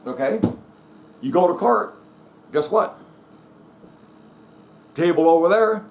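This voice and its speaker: A middle-aged man with a fairly high-pitched voice holds forth in a blunt, emphatic rant. He hammers home his points and keeps asking "okay?" and "guess what?" to drive them in. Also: lively intonation, slow. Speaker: vlogger. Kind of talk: ranting monologue.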